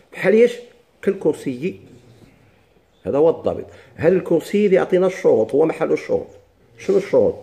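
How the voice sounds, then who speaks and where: Moroccan man teaching grammar, mellow voice. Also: on the high side. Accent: Moroccan Arabic. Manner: explains slowly and repeats words for students. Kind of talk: classroom lesson.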